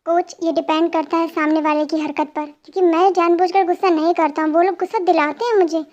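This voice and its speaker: A woman voicing a heartbroken young male boxer who answers quietly in an amateur fan dub. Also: very high-pitched, steady tone, quick pace, muffled recording. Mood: subdued. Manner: quiet, subdued replies.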